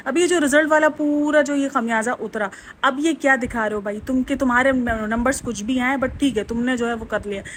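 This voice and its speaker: A woman's voice: sits high, a little fast, slight background noise. A woman talking straight to her channel's viewers in a casual reaction vlog, chatty and defensive as she argues her point and lectures a little. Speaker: reaction vlogger.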